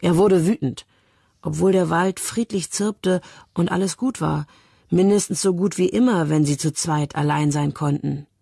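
A woman narrating an audiobook in an even, measured way, with a husky voice. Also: fairly low pitch, no echo, studio quality.

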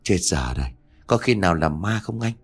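A man voicing a worried middle-aged mother in an audio story, calling out and anxious, a bit higher than his own voice. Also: animated, a little fast, husky. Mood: frightened.

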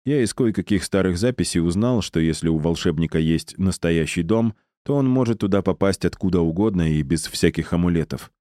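A young male wizard answers in a wry, offhand manner, as a man reading an audiobook voices him. The tone is low and mellow, and the recording is dry. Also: expressive, fairly quick, few pauses, no room sound.

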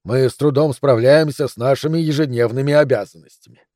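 A grave doctor, acted by a male reader, speaks slowly and deliberately. The voice is mellow and dark, and the recording is dry. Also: medium pitch, no room sound, lightly acted. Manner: slow, measured delivery.

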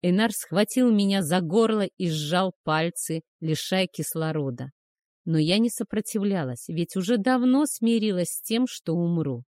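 A woman narrating a first-person fantasy romance audiobook in a soft, measured, emotional way. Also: fairly low pitch, expressive, no echo, clean studio sound.

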